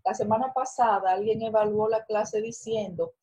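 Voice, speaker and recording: A woman's voice: mid-range voice, steady tone, normal speed, mellow, low-quality recording. A woman teacher giving an online class on a video call, explaining and correcting student work with encouragement. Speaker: university teacher.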